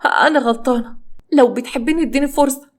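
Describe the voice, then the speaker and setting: Pleading pregnant wife in an Egyptian storybook, high and wailing, voiced by a woman narrator. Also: fast talker. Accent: Egyptian Arabic. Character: pregnant young wife faking labor, pleading.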